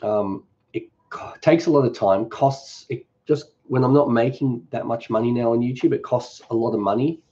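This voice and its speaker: During a live stream, a middle-aged Australian man who runs a cooking channel fields viewer questions in a loose, meandering, jokey manner. His voice is mid-range at normal speed, with the highs cut off.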